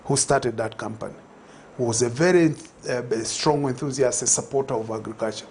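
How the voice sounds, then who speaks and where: A conversational TV interview features an older man with a Zambian accent on a studio set, speaking reflectively into a lapel mic with frequent fillers and restarts. His voice is medium-pitched and a little mellow at normal speed, with a slight hiss or hum present.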